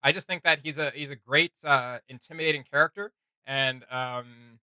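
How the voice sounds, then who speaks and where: Co-hosting a reaction video, a man chats casually and rambles as he thinks aloud, using frequent fillers and laughing easily. His smooth voice is very bright and a little high for a man, at a moderate pace. The recording is dry and close.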